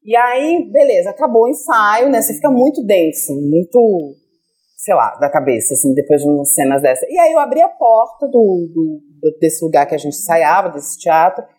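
A woman's voice: fairly low pitch, sing-song, normal speed, a little mellow. A young adult woman from Brazil, a guest actress on a casual podcast, telling a story with laughter and acted-out quoted lines.

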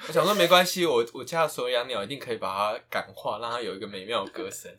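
A young man co-hosting a casual podcast tells funny pet stories, laughing a lot and imitating bird chirps and squawks. His medium-pitched voice is fast and sharp-toned with a breathy edge.

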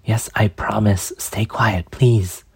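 A man's voice: fairly low pitch, steady tone, slow pace, creaky, slightly rough, no room sound, voice pushed up, full character voice. A man voicing a frightened young man who stammers and speaks in a flustered way.

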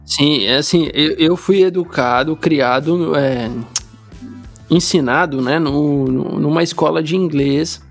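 A Brazilian man with a Brazilian accent in casual podcast chat, telling stories in a slangy, animated way. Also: on the high side, slow, gravelly, soft background music.

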